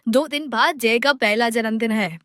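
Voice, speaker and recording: A woman's voice: a little high, moderate pace, a bit bright, dry recording, clean studio sound, natural voice. A woman voicing a clever young daughter-in-law in a cartoon, pleading at times and sly at others. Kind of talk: cartoon voice acting.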